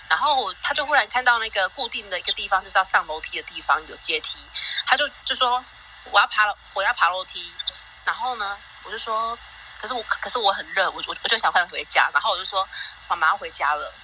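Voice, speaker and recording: Mother on a call-in chat, bright tone, halting and rambling delivery. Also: mid-range voice, a little hiss or hum, poor audio. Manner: rambling, many restarts and fillers. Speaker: guest parent. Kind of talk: casual sharing on a live audio chat.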